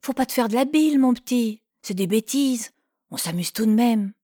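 A cheerful young woman, voiced by a woman narrator, coaxes softly in a lifted, familiar tone. She speaks close and quietly, with a dry sound. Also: fairly high pitch, lively intonation, moderate pace, no room sound, pitched above the performer's own voice. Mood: coaxing. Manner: soft, coaxing and familiar.

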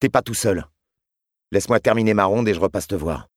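A man's voice: lowish voice, a little fast, dry recording, studio quality, natural voice. A man doing a curt young prison guard. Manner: curt, bossy. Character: young male guard acting tough, curt.

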